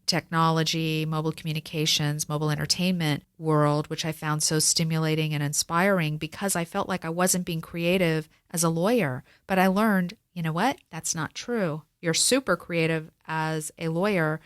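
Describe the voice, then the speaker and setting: Woman, very low voice, podcast host, encouraging, affirming, dry close-mic sound. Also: fairly even intonation, normal speed, few pauses, clean tone, no room sound. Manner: warm, encouraging and affirming toward her guest. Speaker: podcast host, former attorney. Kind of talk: casual conversational interview.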